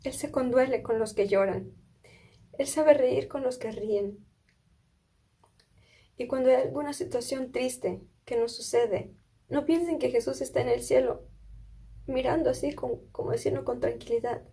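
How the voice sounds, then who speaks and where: A woman delivers a sermon, retelling a Bible story with earnest feeling. Her voice is mellow and dark in tone, and she often stops to put questions to her listeners. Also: high-pitched, a little slow, vocal fry, pauses often, slightly rough. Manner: earnest, asks listeners questions, small restarts. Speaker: preacher.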